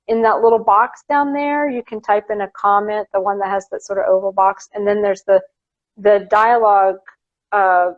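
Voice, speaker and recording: A woman author hosting a live-stream interview, asking questions and chiming in with short affirmations. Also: medium pitch. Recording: dull lo-fi live-stream audio.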